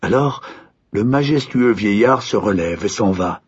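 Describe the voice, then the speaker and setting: A man narrating a fairy tale in an expressive storytelling manner. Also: fairly low pitch, unhurried, breathy edge. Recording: dull lo-fi recording.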